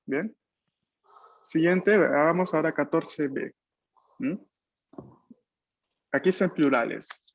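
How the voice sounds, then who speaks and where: A man's voice: a little high, gravelly, lo-fi sound. A man teaching an online language lesson, patiently repeating answers and checking in constantly with short tag questions. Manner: repeats students' answers and explains slowly. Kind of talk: online Italian lesson taught in Spanish. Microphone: video call microphone.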